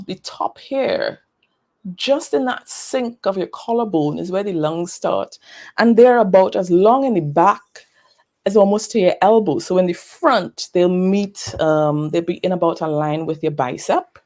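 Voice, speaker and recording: A woman giving a presentation over a video call, taking her time with a slow, unhurried delivery. Her voice sits low and sounds mellow and dark. She talks in a chatty way, slips in playful asides and uses plenty of fillers. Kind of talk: online presentation on breathing.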